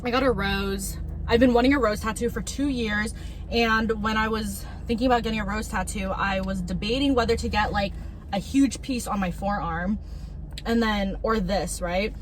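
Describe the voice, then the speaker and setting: A woman's voice: medium pitch, fairly even intonation, moderate pace, slight background noise, rough recording. A young woman, chatting and telling stories casually in an informal way as a vlog co-host. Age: young adult. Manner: informal, frequent "like" and quoted dialogue. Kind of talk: casual chat and storytelling.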